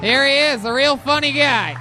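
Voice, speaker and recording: A male host of a live comedy show, introducing comics with quick, hyped banter. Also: very high-pitched, music in the background.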